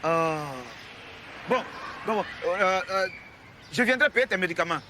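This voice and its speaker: An actor with an Ivorian French accent playing a boastful, forgetful retired husband in his later years, teasing and loud in a sitcom. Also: high voice, expressive, a little slow, background noise. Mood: chatty. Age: older. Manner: boisterous, teasing, loud exclamations. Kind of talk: sitcom acting.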